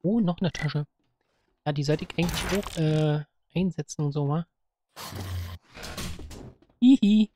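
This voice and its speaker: A woman chats her way through a zombie game, giggling and taunting the monsters. Her voice sits a little low for a woman. Clear background noise runs under the recording. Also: fairly even intonation, moderate pace, warm tone. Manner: chatty, giggly, talks to the zombies, bursts into sing-song rhymes. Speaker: let's play gamer. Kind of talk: casual gameplay commentary.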